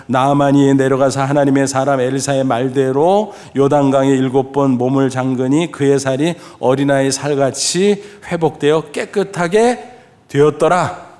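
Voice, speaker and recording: A middle-aged man preaching a sermon as pastor. He asks the congregation questions and acts out the voices he quotes. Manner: lively preaching, speaking directly to the congregation with questions; acts out quoted voices with sudden pitch jumps.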